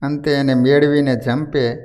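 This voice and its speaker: A man telling devotional stories in a sermon, in a lively narrating manner. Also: medium pitch, moderate pace. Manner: lively narration with acted quotes. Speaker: religious storyteller.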